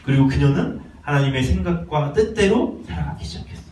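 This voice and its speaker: A male pastor giving a sermon, swinging between loud exhortation and quiet pleading. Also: a little high, lively intonation, brisk, a little hiss or hum. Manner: impassioned, swings from shouting to hushed pleading. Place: church sanctuary. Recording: echoey church from far off.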